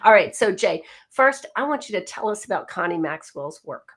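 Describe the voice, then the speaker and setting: A woman's voice: mid-range voice, animated, moderate pace, a bit bright. A middle-aged woman with a light Southern US accent hosting a webinar while she has a cold, chatty and full of ums. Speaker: webinar host.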